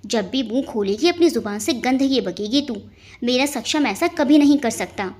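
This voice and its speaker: A proud, short-tempered older mother with a sharp, scolding bite, as a woman storyteller voices her. She snaps back loudly and lively, defending her son. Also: on the high side, moderate pace. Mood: angry.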